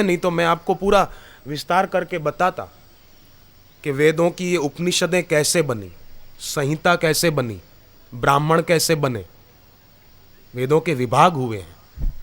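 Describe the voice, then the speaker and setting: A man preaching a spiritual discourse to an audience, telling scripture stories with emphatic rises and quoted verses. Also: a little high. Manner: storytelling with scriptural quotes, rising emphatic delivery. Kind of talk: Hindi satsang discourse. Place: discourse hall before an audience.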